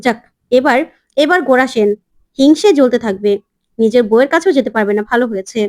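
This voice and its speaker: A woman's voice: on the high side, fast talker, dry recording, clean studio sound, natural voice. A woman voicing a jealous young man who plots in secret and feigns concern. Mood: scheming.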